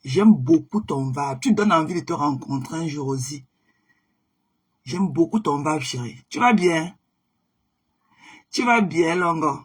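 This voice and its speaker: A woman hosting a casual live stream, chatting warmly with viewers and greeting them by name, often repeating herself. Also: deep voice, lively intonation, unhurried, pauses often, husky. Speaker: livestream host.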